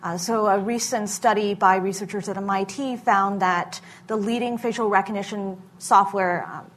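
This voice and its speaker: A woman researcher answering questions at a hearing, speaking in a measured way with frequent filler pauses. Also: mid-range voice, fairly even intonation, a bit bright, a little hiss or hum. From Massachusetts. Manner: measured, many filler uhs. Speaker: researcher giving testimony. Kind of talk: formal testimony answering questions.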